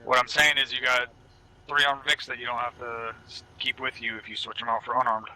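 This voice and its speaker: A man's voice: mid-range voice, level tone, fairly quick, sharp tone, rough recording. A man giving blunt, instructive orders as a convoy commander in military game radio chatter.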